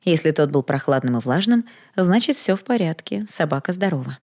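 Female audiobook narrator, low voice, even scripted reading. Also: brisk.

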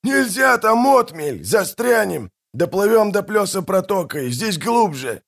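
A man voicing a panicking middle-aged river-boat captain who bellows orders in a high, strained shout. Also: big pitch swings, a little slow, heavily acted. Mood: urgent.

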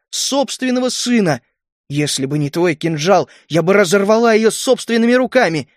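A man's voice: sits high, dry recording, studio quality. Fierce gnome queen, voiced by a man. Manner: sharp, reproachful shouting. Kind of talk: audiobook character reading.

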